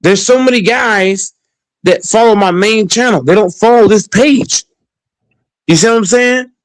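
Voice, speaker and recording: A man's voice: sits high, measured pace, no room sound. A man hosting a live-stream panel, talking bluntly and profanely and repeating himself, while his mic cuts out and his volume keeps dropping and jumping. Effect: mic cutting out, uneven volume. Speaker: channel host running a live panel.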